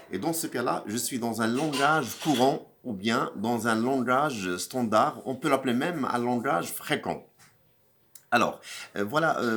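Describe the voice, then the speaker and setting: A French teacher with a medium-pitched, fairly bright voice records a video grammar lesson over slight background noise. He hesitates a lot, filling gaps and restarting sentences, and his voice rises on the example questions.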